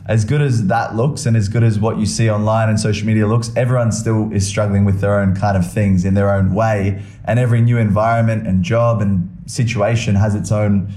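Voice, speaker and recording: A man's voice: on the low side, level tone, brisk, few pauses, warm tone. A man hosting an interview, asking friendly, affirming questions. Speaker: interview host. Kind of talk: casual interview chat. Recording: roomy echo.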